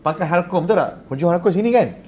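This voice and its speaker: A man's voice: high voice, expressive, quick pace, a little mellow, slightly rough. A man with a Malaysian Malay accent teaching Quran recitation, asking the class questions and demonstrating sounds. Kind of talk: lively tajwid lesson with jokes. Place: classroom or lecture hall.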